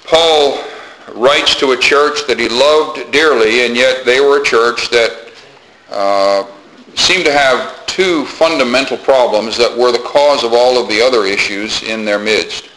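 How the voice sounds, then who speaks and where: A man preaching a sermon to his congregation in a measured way, often pausing with "uh" between thoughts. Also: medium pitch, low-quality recording. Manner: measured, with frequent "uh" pauses; soft-spoken in prayer.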